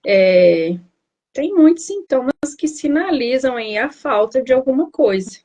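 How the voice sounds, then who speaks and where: A woman's voice: sits high, lively intonation, a little slow, mellow. A woman nutritionist with a Brazilian Portuguese accent, explaining health advice in a casual live interview, with many tag questions and restarts. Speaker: nutritionist guest. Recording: video call.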